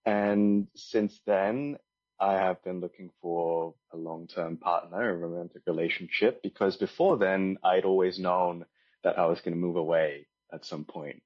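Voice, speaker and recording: A man's voice: sits low, husky, dry recording, lo-fi sound. A man from Korea, a guest speaking in a polite, earnest way. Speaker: panel guest. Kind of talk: casual conversation.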